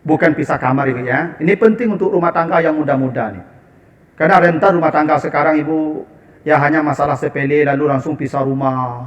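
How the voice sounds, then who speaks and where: Animated high-voiced Minangkabau preacher. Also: male voice, fast, highs cut off. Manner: animated, humorous, addressing the women as "ibu". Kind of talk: sermon.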